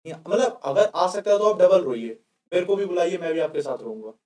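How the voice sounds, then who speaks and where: A male exam-prep teacher with a high voice explains a vocabulary lesson in a chatty way and keeps firing questions at his class. He sounds a little far from the mic, and his voice echoes around a bare room. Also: animated, a little fast, a little mellow.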